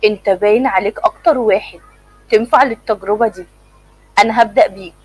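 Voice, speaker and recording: A woman's voice: mid-range voice, fast talker, slightly rough, no echo, lightly acted, rough recording. A woman voicing a male mad inventor who gloats with menace. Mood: gloating. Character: mad inventor man, bitter old schoolmate.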